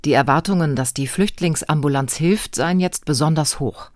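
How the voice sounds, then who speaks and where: A woman's voice: sits low, normal speed, darkish tone, no room sound, studio quality. Woman narrating a radio feature report.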